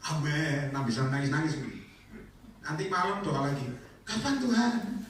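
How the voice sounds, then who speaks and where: A male evangelist, preaching an animated sermon that swings into loud shouted peaks and acted-out scenes. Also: fairly high pitch, normal speed, slight background noise. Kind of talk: lively church sermon. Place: large church hall. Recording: echoey hall, distant mic.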